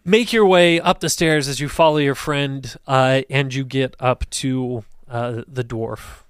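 A man's voice: mid-range voice, measured pace, clear, resonant tone, no echo. A man running a tabletop game as game master, narrating loosely with plenty of fillers. His voice is recorded dry and close, with no room sound.

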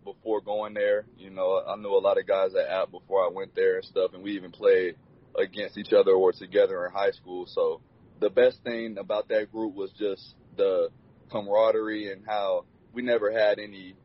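Young male athlete, husky and even-toned, easygoing answers, dull lo-fi sound. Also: low-pitched, moderate pace. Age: 20s. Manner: laid-back, many "you know" fillers. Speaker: college football player. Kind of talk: relaxed interview answers. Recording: dull lo-fi recording.

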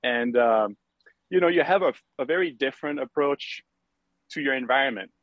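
A man's voice: medium pitch, expressive, normal speed, dry recording. Chatty French-accented man, muffled call audio. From France. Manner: chatty, many fillers, laughs easily. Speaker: podcast guest. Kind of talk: casual interview chat.

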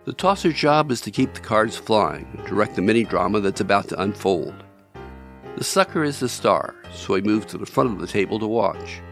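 A man hosting a podcast, reading scripted narration in a measured storytelling way, addressing the listener directly. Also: lowish voice, lively intonation, loud music behind the voice. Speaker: podcast host.

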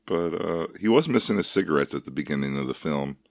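Very deep-voiced joking man. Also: lively intonation, fast talker, vocal fry, music in the background. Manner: dry, joking, rambling. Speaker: podcast co-host. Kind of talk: casual chat.

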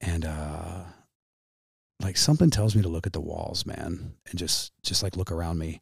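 A man in his thirties with a Midwestern American accent, a podcast guest telling an emotional story in a halting way, repeating himself and calling the host man. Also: low-pitched, vocal fry, breathy edge, no echo, clean studio sound.

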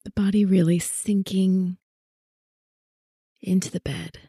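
A woman with a very dark, soft, slightly husky voice works as a sleep story narrator, guiding relaxation. She speaks soothingly in unhurried phrases, leaving long pauses and drifting toward a whisper, recorded close and dry. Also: mid-range voice, steady tone, dry recording. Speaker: guided sleep meditation narrator.

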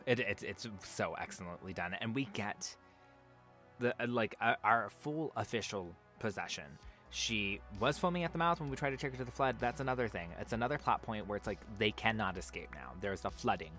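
A man's voice: lowish voice, animated, fairly quick, pushed and bright, soft background music. A man co-hosting a movie podcast who talks enthusiastically, swears freely and trails off mid-thought. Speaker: podcast co-host. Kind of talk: casual movie review chat.

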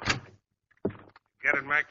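A pushy gangster sidekick. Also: male voice, very slow, bright, forceful tone, full character voice. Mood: demanding. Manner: pushy, demanding. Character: greedy gangster accomplice demanding his cut. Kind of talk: 1930s radio acting. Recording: dull lo-fi old radio recording with faint noise.

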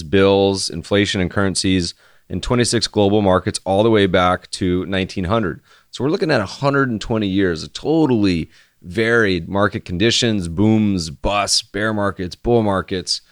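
A man with an American accent hosting a solo podcast, talking casually and conversationally in a deadpan monotone. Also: deep voice, no room sound, clean studio sound. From United States. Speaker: podcast host.

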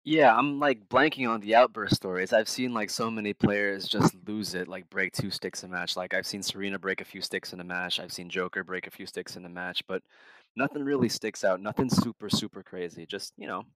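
A man's voice: deep voice, a little fast, fairly bright tone, dry recording, poor audio. A young man, a podcast guest, chatting in an easygoing, matter-of-fact way. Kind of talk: casual chat.

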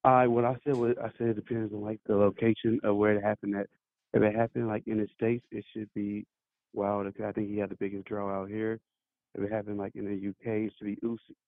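A man's voice: flat delivery, quick pace, no echo. A man calling in over a muffled phone line while leaving an office, talking loosely and repeating words. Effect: muffled, bass-heavy phone line. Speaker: remote caller on a show. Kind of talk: casual chat.

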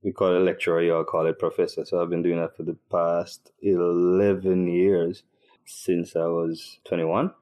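A man, a podcast guest telling stories in a relaxed way, laughing easily. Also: low voice, moderate pace. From Trinidad and Tobago. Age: 30s. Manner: relaxed storyteller, laughs easily, restarts often. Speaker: podcast guest, university lecturer. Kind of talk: casual interview chat.

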